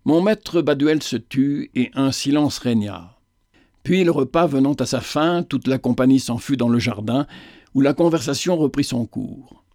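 A man narrating a historical novel as an audiobook in a measured, clear reading style. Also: mid-range voice, dark tone, no echo, studio quality.

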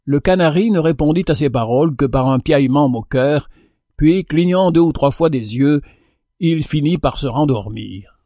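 A man narrating a fable in an expressive, measured reading. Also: fairly high pitch, no room sound, studio quality. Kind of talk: storybook narration.

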